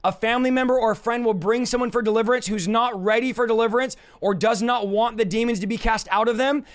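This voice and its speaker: A man with a hoarse, raspy voice worn out from yelling, preaching in an emphatic, combative and informal way on a livestream. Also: very high voice, fairly even intonation, fast talker. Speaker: preacher and deliverance minister. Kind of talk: livestreamed sermon, informal teaching.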